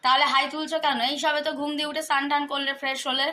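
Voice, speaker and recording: A woman's voice: high-pitched, flat delivery, rapid-fire, sharp tone. A woman vlogging at home, teasingly coaxing her relatives to speak up for the camera. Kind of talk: casual family vlog.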